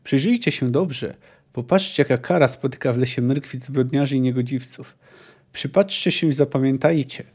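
A man reading aloud, voicing a stern old male druid who slowly warns captured criminals. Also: medium pitch, darkish tone, slightly rough. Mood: solemn warning.

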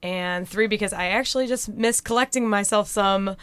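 A woman's voice: medium pitch, moderate pace, fairly bright tone, clear, resonant tone, no room sound. Woman podcast co-host, playful, dry sound. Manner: playful, laughs easily. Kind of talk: casual podcast chat.

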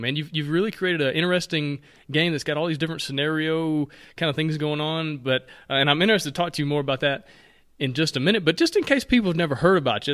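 A man hosting a podcast interview, talking in an upbeat, friendly way and asking quick questions. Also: fairly high pitch, fairly bright tone. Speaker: podcast host. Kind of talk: casual interview chat.

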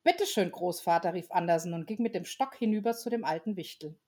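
A woman reading a children's Christmas story aloud in a relaxed way, with small slips and restarts. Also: lowish voice, fast talker.

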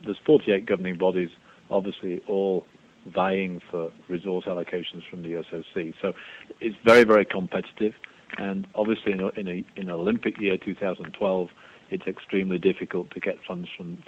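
A man answering interview questions as a sports executive, explaining in a measured way and repeating phrases as he goes. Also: low voice, husky. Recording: dull radio sound with faint hiss.

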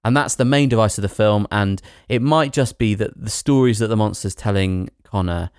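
A man's voice: fairly low pitch, normal speed, darkish tone, smooth, no echo, studio quality. A man co-hosting a podcast, joking and opinionated as he reviews films in casual chat. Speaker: podcast co-host and film reviewer.

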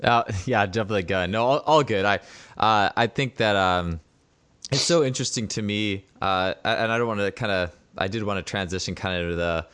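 A man hosting a podcast, asking his panel questions with halting restarts. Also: fairly low pitch, a bit bright, clear, resonant tone, no room sound. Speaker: podcast host. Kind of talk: interviewing a panel.

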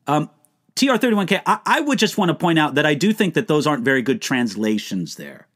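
A man teaching the Bible on a live question-and-answer stream. His somewhat high voice rises and falls with strong expression. He puts rhetorical questions to his listeners in an earnest, emphatic way. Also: sing-song, fairly quick, a bit bright.

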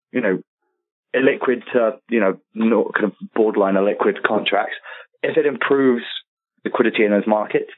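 Casting: male co-host, mid pitch, quick casual talker, tinny phone audio. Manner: quick, conversational, uses "like" and "you know". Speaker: co-host and writer. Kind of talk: casual podcast discussion. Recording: phone-like narrow sound.

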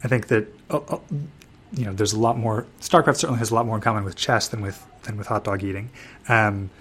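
A man's voice: lowish voice, fairly even intonation, fast, fairly bright tone, husky. A man co-hosting a casual gaming talk show, speaking hesitantly with frequent restarts and fillers. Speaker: podcast co-host. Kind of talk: casual chat.

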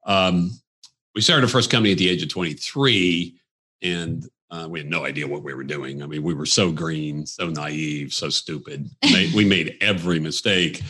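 A man in his fifties speaks as a guest in an office interview, his voice very low yet bright and forward. He tells his stories in a reflective, easygoing way, with plenty of fillers and restarts. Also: moderate pace, slightly rough. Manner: reflective, storytelling, frequent fillers. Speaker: podcast guest, entrepreneur. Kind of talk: conversational interview.

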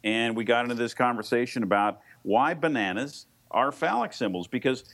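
A man's voice: medium pitch, normal speed, a bit bright. A man co-hosting a talk radio show in a casual, rambling conversational way.

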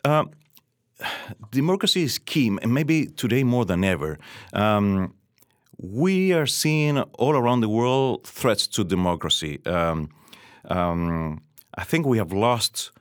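A man's voice: lowish voice, expressive, slow, no echo, studio quality. A man from Chile in his forties, a guest on a podcast interview, talking earnestly with many fillers and restarts.

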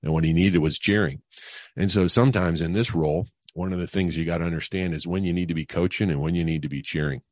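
A man's voice: low-pitched, fairly even intonation, fast talker, a little mellow, no room sound, studio quality. A middle-aged man, a guest on an interview podcast, telling personal stories in a conversational way with many fillers and restarts. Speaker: guest, financial advisor. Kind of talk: casual interview storytelling.

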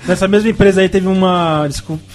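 High-voiced man telling a work story. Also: steady tone, quick pace, soft background music. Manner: tells work stories with laughter. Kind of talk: casual chat.

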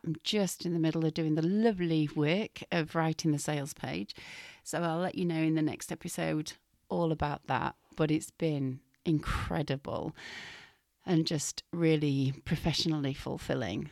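A woman hosting a spiritual podcast, talking gently and softly with her voice still recovering, sometimes dropping to a whisper. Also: low voice, vocal fry, no echo, clean studio sound. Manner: soft, slow and gentle, drifting into whispers. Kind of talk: casual spiritual podcast talk.

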